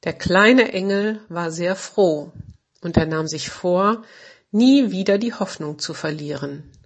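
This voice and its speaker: A woman narrating a children's story in a gentle, measured storybook reading. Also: on the low side.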